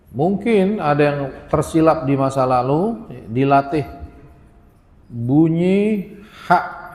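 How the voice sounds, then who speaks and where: A man's voice: fairly high pitch, a little mellow. A man, teaching a religious lesson on Quran recitation and chanting Arabic verses, often tagging his sentences with "ya". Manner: chants Arabic verses, then explains with frequent "ya". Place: prayer room. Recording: echoey prayer hall.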